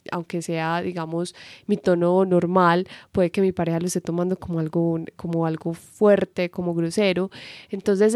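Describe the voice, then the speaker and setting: Mellow-voiced woman explaining calmly. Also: fairly low pitch, no echo, studio quality. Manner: calm and explanatory, some false starts. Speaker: co-host and relationship coach. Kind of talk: casual advice talk to viewers.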